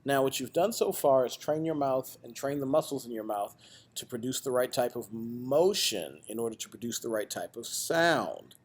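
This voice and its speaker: A man's voice: mid-range voice, lively intonation, moderate pace, a little hiss or hum. A man, a music teacher, giving a direct step-by-step trumpet lesson to students on video. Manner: patient, direct, counts aloud with students.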